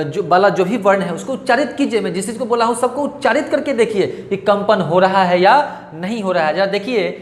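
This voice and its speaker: A man teaches a grammar lesson, asking his pupils questions and answering them in turn. His pitch swings up and down with lively emphasis. The room is echoey, with a long ringing tail.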